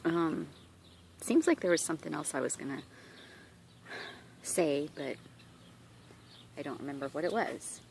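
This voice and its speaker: A woman recording a casual, rambling video diary as a fitness vlogger, relaxed and affectionate, speaking outdoors into a handheld camera. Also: low voice, moderate pace, vocal fry, long pauses. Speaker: vlogger giving a daily fitness update. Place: outdoors at a horse property, sitting on the ground. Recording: noisy outdoor amateur recording.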